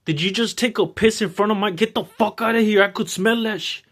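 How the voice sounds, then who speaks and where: A man doing a cursing, shouting shop owner. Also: fairly high pitch, level tone, fairly quick, lightly acted. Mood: yelling. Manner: yelling, profane.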